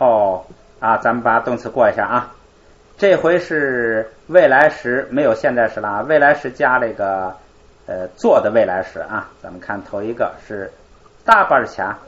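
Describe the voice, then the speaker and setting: A man's voice: medium pitch, expressive, normal speed, fairly bright tone, muffled recording. A male teacher explaining grammar in a live class, asking questions and answering them himself.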